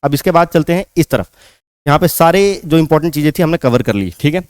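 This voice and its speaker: Male teacher, slightly high voice, dry close recording, steady exam-prep explainer that keeps checking in with students. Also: quick pace, no echo. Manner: repetitive, keeps asking if students follow. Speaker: geography teacher. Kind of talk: exam-prep map lesson.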